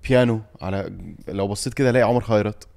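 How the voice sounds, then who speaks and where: A young Egyptian singer and actor, guesting on a podcast, races through a vivid, emotional story with emphatic repetition. His voice sits on the low side, steady in tone and darkish. He speaks with an Egyptian Arabic accent.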